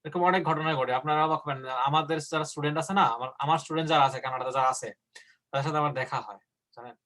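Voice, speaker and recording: A man's voice: a little high, bright, forceful tone. Man teaching an English test class. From Bangladesh. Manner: explains in Bengali, slowing down to model English sample answers. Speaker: IELTS teacher. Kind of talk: online class lecture.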